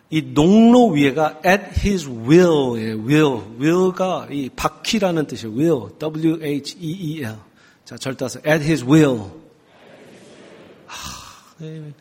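Husky guy pastor preaching, kinda high voice, playful back-and-forth with the crowd, big church reverb. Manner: lively, teasing the congregation with call-and-response. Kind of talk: sermon. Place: church sanctuary. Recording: long hall reverb.

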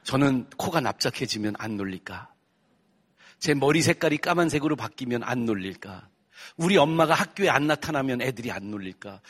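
A man from Korea preaching a sermon testimony, telling his story with strong emotion and sudden loud outbursts. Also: medium pitch, husky.

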